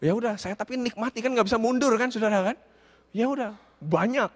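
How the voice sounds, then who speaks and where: A male pastor telling a humorous story in a sermon, animated and slipping English words into his speech. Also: very high voice, a little fast, in a large hall.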